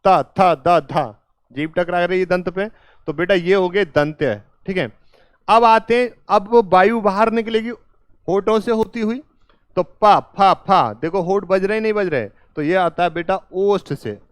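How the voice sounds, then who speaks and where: A man's voice: high voice, moderate pace, clear, resonant tone, no room sound. A male teacher giving a classroom lecture at a board, coaxing students with repeated quiz questions and calling them "beta". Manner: calls listeners "beta".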